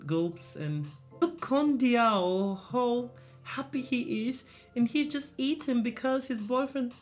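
A woman's voice: on the high side, lively intonation, slow pace, faint music behind. A woman hosting a reaction video, thinking aloud in short bursts and repeating words as she watches. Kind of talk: casual reaction commentary.

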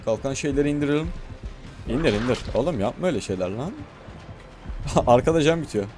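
A man commentating his own gameplay in a casual, excitable way, often shouting and talking to himself. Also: mid-range voice, a little fast, over music. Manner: excitable, shouts and talks to himself while playing. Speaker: gaming streamer.

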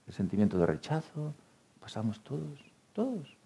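A man giving a spiritual talk to an audience, telling lively stories, acting out quoted dialogue and laughing often. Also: medium pitch, moderate pace, creaky, slightly rough. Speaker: speaker at a meditation talk.

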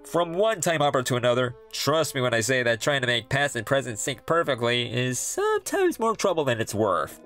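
A man plays a hedgehog king from a cartoon dub. He talks casually with lively, varied pitch, an easygoing hero who reassures. Faint music sits behind him. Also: fairly quick, hardly any pauses. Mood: exasperated, evasive. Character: easygoing hedgehog king, adult male hero, fond husband. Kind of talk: comic dub voice acting.

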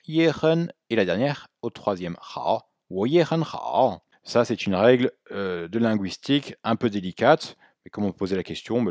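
A man teaching a Mandarin lesson, explaining patiently and repeating Chinese words slowly, with casual fillers and self-corrections. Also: fairly low pitch, darkish tone, dry recording, clean studio sound. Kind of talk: spoken language lesson.

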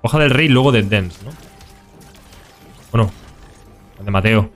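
A young male streamer with a Spain Spanish accent casually comments on his gameplay and chats with viewers in slang. His voice is lowish and a little slow, with faint music behind him.

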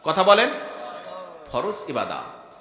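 A male preacher from Bangladesh giving a fiery sermon, calling on the crowd to answer back and swinging from soft phrases to shouted peaks. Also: on the high side, wildly swooping pitch, takes it slowly. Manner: call-and-response, prompting the crowd to answer back. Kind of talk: fiery Islamic sermon at a gathering. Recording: echoey hall over a PA system.

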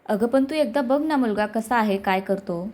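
Brief: woman storyteller voicing a soft-spoken father, storybook reading. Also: a little high, normal speed, lightly acted. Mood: gentle. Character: older man, gentle father.

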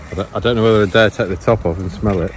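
A man's voice: lowish voice, steady tone, racing. A middle-aged man, chatting and joking while magnet fishing by the water with his son. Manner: jokey, chatty, laughs often. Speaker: magnet fishing vlogger, father. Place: outdoors by water. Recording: loud outdoor background noise.

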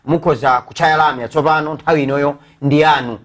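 A man's voice: fairly high pitch, fairly even intonation, brisk, fairly bright tone. A middle-aged Malawian man hosting a live sports phone-in show in a TV studio.

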